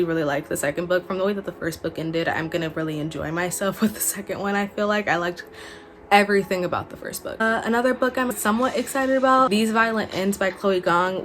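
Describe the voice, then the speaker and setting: Speaking to camera from a small, furnished room in her home, a twenty-something woman chats casually and emphatically like a book vlogger. Her voice is mid-range and fairly bright, and music plays behind her.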